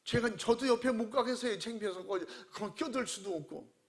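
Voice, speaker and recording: A man pastor preaching a sermon, animated and acting out quoted voices with shouts. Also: very high-pitched, fairly quick.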